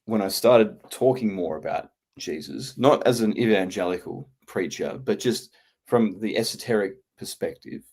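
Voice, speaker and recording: A man with a New Zealand accent speaks on a podcast roundtable in a measured, reflective manner, pausing as he thinks. His voice sits somewhat low. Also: a little mellow. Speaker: podcast co-host and channel creator. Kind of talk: casual roundtable chat.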